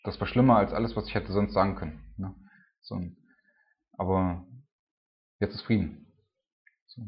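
A man preaching an informal sermon and leading a spoken prayer, talking in a colloquial, halting way with many filler words. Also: low-pitched, fairly even intonation, highs cut off.

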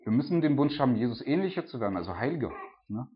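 A man's voice: medium pitch, very animated, racing, breathy edge. A man giving a casual, conversational sermon, chatty and full of tag questions and filler words. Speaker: preacher. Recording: dull lo-fi recording.

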